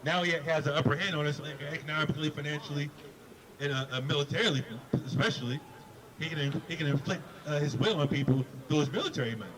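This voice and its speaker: A man's voice: a little high, fast talker, background noise. A man preaching on a city street, questioning a passerby in an emphatic debate and repeating words as he drives his point home. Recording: busy street crowd behind.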